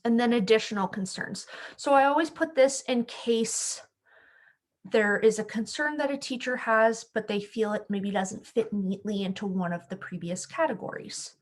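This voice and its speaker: A young adult woman, a school speech-language pathologist, explaining a form step by step in a friendly, steady way. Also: fairly high pitch, moderate pace. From California. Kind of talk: screen-share tech tutorial.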